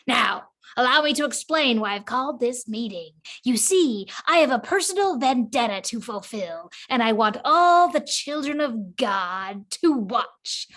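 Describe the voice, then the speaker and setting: A woman's voice: fairly high pitch, a bit bright, full character voice. A woman playing a vengeful possessed woman in a demonic voice, taunting her enemy in a comedic audio play. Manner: demonic voice, slow and menacing.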